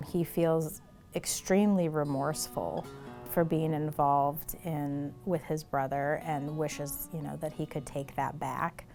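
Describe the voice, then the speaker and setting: A woman speaking evenly and softly in a documentary interview. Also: deep voice, fairly even intonation, unhurried, soft background music.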